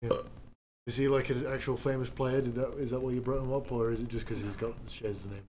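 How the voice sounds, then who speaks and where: A man co-hosting a casual podcast, relaxed and teasing in his banter. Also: medium pitch, quick pace. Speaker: podcast co-host. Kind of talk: casual chat. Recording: noisy home recording.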